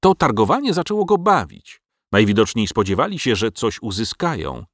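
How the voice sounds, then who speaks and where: A man narrating a storybook audiobook in an expressive, storytelling manner. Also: mid-range voice, moderate pace, no echo, clean studio sound.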